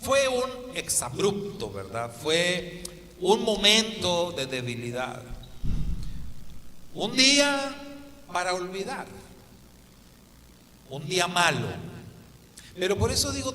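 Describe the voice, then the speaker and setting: A man's voice: high-pitched, very animated, takes it slowly, long pauses, sharp tone, slight background noise. A man preaching a sermon, emphatic and asking the congregation rhetorical questions. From Mexico. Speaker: pastor. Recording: echoey hall with long reverb.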